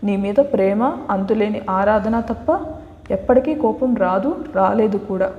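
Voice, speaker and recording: A woman's voice: medium pitch, measured pace, phone-quality sound, close to an everyday voice. Teasing young husband, read by a woman. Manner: playful teasing. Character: teasing, loving young husband, affectionate and bossy. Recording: echoey room with long reverb.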